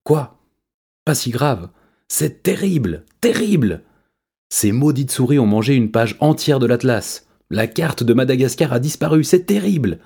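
A man's voice: medium pitch, very animated, a little slow, gravelly, mellow, husky, voice pushed up, exaggerated voice. A man voicing a small, thin, scholarly male cat in a panic, wailing his words in a storybook reading. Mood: distraught.

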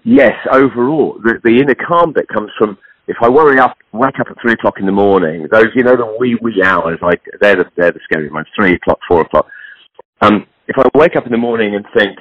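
A British man in his sixties, a clothing entrepreneur appearing on a podcast, talks casually and briskly in a voice on the low side. He's frank, rambling and self-deprecating, and the sound is lo-fi with no room sound.

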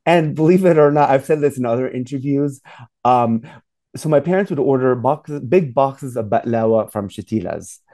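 An author and professor in his forties, raised in Saudi Arabia, speaks as an interview guest, rambling with lots of fillers and restarts. His mid-range voice is mellow and animated, moving at normal speed.

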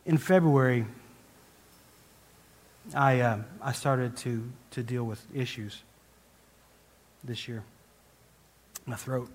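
Slow and steady, with long pauses and a darkish tone, a medium-pitched man preaches as a guest. His sermon is a conversational, self-deprecating personal story full of restarts and laughter, echoing with long hall reverb.

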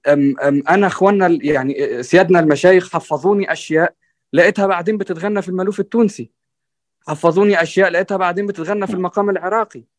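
Fast-talking Egyptian man, hesitant and earnest. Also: high voice, dry recording. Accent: Egyptian Arabic. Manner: hesitant, many restarts and fillers, checks in with "right?"; earnest and exhorting. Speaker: guest musician on a panel. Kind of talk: conversational discussion.

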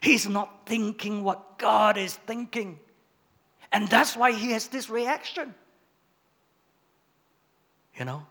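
A male pastor preaching a sermon, swinging from loud emphatic lines to quiet, low asides.

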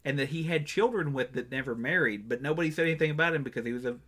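A man in his thirties talks casually as a podcast co-host, enthusiastic and rambling with restarts. His voice is bright and sits a little high. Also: very fast. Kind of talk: casual chat.

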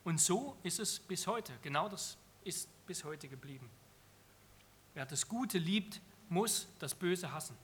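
A man's voice: sits high, expressive, a little slow, a bit bright, slight background noise. A man preaching an earnest sermon on a psalm, emphatic and often repeating phrases for stress.

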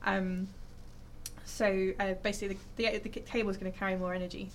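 Woman explaining science stuff, lots of ums, nerdy and enthusiastic, mid pitch. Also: little pitch movement, fairly quick, a little hiss or hum. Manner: chatty and enthusiastic, full of fillers and self-corrections. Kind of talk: informal science explanation to an audience.

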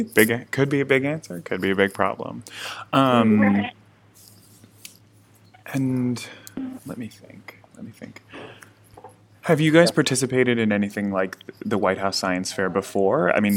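A man interviewing a group in a casual, conversational way. He thinks aloud and often hums to show he is listening. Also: lowish voice. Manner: relaxed, thinks aloud, frequent hums of acknowledgment.

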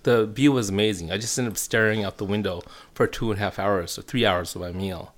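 Halting, chatty man as podcast guest. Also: fairly low pitch, steady tone. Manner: halting, repeats words and restarts sentences. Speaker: food enthusiast interview guest. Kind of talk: casual storytelling chat. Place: home basement.

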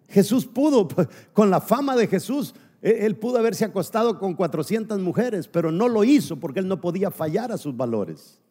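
Man preaching a lively sermon in a reverberant church. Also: on the high side. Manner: preaching with rhetorical questions and acted-out quotes. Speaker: pastor. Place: US church sanctuary.

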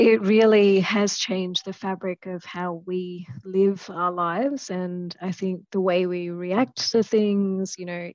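A woman's voice: mid-range voice, a little mellow, dry recording, dull audio. A woman who is losing her voice, a lawyer speaking as a podcast guest in a thoughtful way, with many fillers and restarts. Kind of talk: casual interview conversation.

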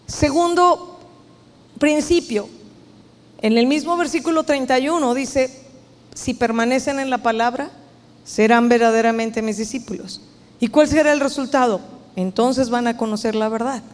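A woman's voice: sits high, a little mellow. A woman preaching a sermon to a women's meeting, earnest and emphatic, speaking directly to her listeners. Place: church meeting hall. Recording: long hall reverb.

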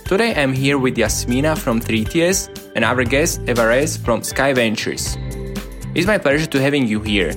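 A man giving a formal, read-aloud introduction as podcast host. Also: mid-range voice. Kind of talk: scripted show introduction. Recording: guitar music clearly behind.

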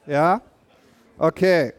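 A man preaching a sermon as pastor to a congregation, animated and acting out scenes in voices, rallying the listeners with call and response. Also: fairly high pitch, very slow, no room sound.

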